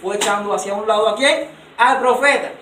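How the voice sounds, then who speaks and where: A man's voice: high-pitched, fairly quick, sharp tone. A male preacher delivers an emphatic sermon, firing rhetorical questions at the congregation. His voice is picked up from a distance in an echoey hall, with faint noise underneath.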